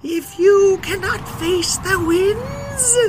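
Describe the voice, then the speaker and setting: A storyteller voicing a proud mountain wind spirit, slow, drawn-out and commanding. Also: extremely high pitch, animated, over music, pitched above the performer's own voice, full character voice. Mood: booming, lofty.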